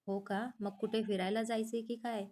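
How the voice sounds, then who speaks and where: A woman reads the lines of a young male psychiatrist in a story. He is calm but curt, scolding when annoyed. The voice sits a little high. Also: moderate pace, natural voice. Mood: mock-stern. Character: young man, calm psychiatrist, gruff and protective.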